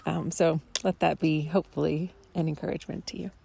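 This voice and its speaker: Creaky-voiced woman in a casual vlog. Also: low voice, level tone, fairly quick, dark tone, slight background noise. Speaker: family camping vlogger.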